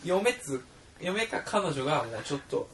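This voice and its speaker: A young man co-hosting a casual podcast chat, animated and quick to laugh. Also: a little high, slight background noise. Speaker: podcast co-host.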